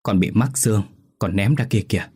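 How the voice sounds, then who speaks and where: Simple little village boy read by a male narrator, low husky voice, plain speech. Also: fairly quick, a little mellow.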